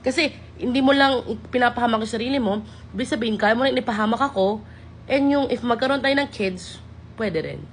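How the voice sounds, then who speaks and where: A woman's voice: on the high side, a little fast, slight background noise. A woman vlogger talking casually to camera, switching between Tagalog and English, sassy and exasperated, mocking men's lines in a teasing voice.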